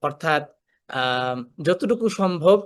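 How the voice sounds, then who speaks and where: Bangla-speaking man teaching Quran recitation, slightly high voice. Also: animated. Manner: explains step by step with questions and worked examples; slows down to recite example verses. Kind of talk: recorded recitation lesson.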